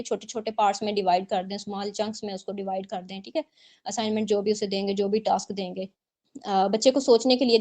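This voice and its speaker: A woman's voice: medium pitch, darkish tone. Woman giving a patient exam-prep lecture. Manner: explanatory, repeats points with frequent "theek hai" checks. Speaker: teacher.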